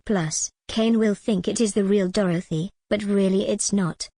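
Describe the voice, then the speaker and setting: A woman's voice: mid-range voice, moderate pace, warm tone, no echo, natural voice. A woman voicing a female plant-eating dinosaur from a children's show, in stiff, evenly worded cartoon dialogue. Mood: scheming.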